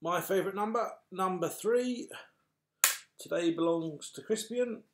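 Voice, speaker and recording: A middle-aged British man with a high voice calls raffle numbers and names at an unhurried pace, bingo-caller style, keeping it chatty and matey and apologizing to the players. He's indoors in a small furnished room at home, and the webcam recording is noisy with clatter.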